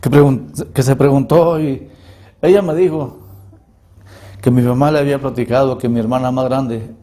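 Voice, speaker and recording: A man giving an earnest spoken testimony as an evangelist, often clearing his throat and restarting words. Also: mid-range voice, fairly even intonation, normal speed, dark tone.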